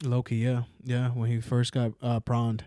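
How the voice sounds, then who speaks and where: A man's voice: mid-range voice, completely flat delivery, measured pace, warm tone, clear, resonant tone, no echo, studio quality. A man guesting on a movie podcast, talking enthusiastically and filling his sentences with "like" and "yeah". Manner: enthusiastic, heavy use of "like" and "yeah". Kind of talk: casual movie review chat. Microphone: podcast microphone.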